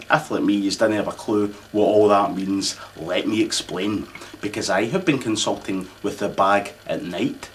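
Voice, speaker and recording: A man's voice: fairly low pitch, slight background noise. A man with a Scottish accent delivering a mock-formal Christmas address, pompous and rambling, with local slang. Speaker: comic host of a mock royal address.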